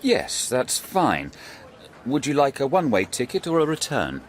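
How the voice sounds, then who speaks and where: A man's voice: medium pitch, wildly swooping pitch, moderate pace, a little hiss or hum. A man playing a polite, businesslike airline ticket clerk in a scripted language-course dialogue.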